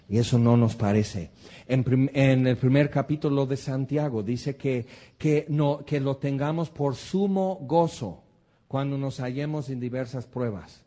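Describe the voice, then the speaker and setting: Husky preacher, mellow tone. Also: male voice, mid-range voice. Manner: earnest, animated preaching with acted-out quotes and rhetorical questions. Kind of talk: sermon.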